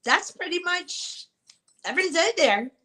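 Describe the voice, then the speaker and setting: A woman's voice: very high-pitched, lively intonation, normal speed, sharp tone, low-quality recording. A woman from Scotland on a panel, speaking sincerely in casual chat.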